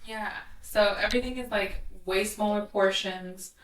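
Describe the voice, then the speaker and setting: A woman's voice: medium pitch, steady tone, measured pace, a bit bright. A talkative young woman tells a travel story in a loose, friendly chat, stringing her thoughts together with plenty of filler words. She sits a little away from the microphone, so her voice sounds distant. The room adds a noticeable echo around her. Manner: chatty, full of "like" fillers, storytelling. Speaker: podcast co-host. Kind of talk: casual chat. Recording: roomy sound from away from the mic.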